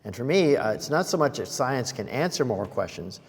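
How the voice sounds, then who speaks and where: A man in his sixties, a scientist, making measured and articulate arguments in a panel discussion. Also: mid-range voice, big pitch swings, breathy edge, in a large hall. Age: 60s.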